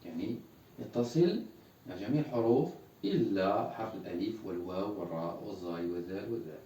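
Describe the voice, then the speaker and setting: Speaking very fast in a lowish, dark voice, a man teaches Arabic at a whiteboard, patiently repeating words for his learners to say back. The recording catches him from a distance in an echoey room, with slight background noise.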